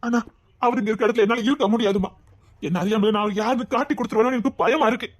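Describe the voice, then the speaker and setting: A woman's voice: a little high, fast talker, darkish tone, close to an everyday voice. A woman voicing a hurt, angry grown son who pleads with his mother in a dubbed serial drama. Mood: pleading. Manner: pleading, accusing.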